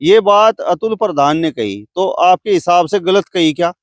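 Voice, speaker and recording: Brief: male field reporter, fairly high voice, dry close sound, pointed questions. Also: animated, normal speed, dry recording. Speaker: news reporter. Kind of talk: street interview reporting.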